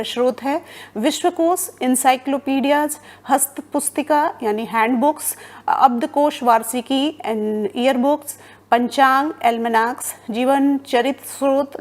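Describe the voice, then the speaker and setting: A woman giving an exam-prep lecture on library science, explaining step by step, mixing English terms into Hindi and pausing on fillers. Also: high voice.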